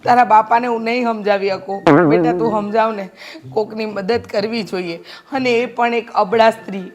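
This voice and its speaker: In a short film drama, a woman acts as a kind-hearted middle-aged mother trying to persuade her grown son with an earnest lecture. Her voice runs a bit high and a little mellow, with fairly even intonation, normal speed, and light acting.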